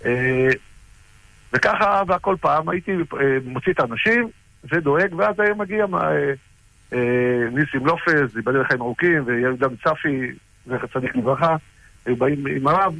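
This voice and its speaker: A middle-aged man casually recounting personal stories about his rabbi, halting with frequent restarts. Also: fairly high pitch, lively intonation, vocal fry, bright, forceful tone, no echo, poor audio. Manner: halting, with many restarts and fillers. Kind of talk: casual storytelling.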